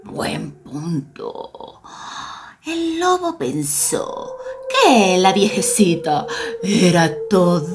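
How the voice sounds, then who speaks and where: A woman's voice: mid-range voice, sing-song, takes it slowly, background noise. A woman reading a picture book aloud in a theatrical, playful way, full of exclamations. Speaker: storyteller.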